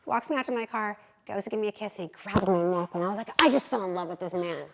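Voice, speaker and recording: A realtor in her thirties, telling animated, candid stories as a podcast guest. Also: medium pitch, racing, vocal fry, slight background noise, low-quality recording. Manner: animated, candid, acts out quotes. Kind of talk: lively storytelling in an interview.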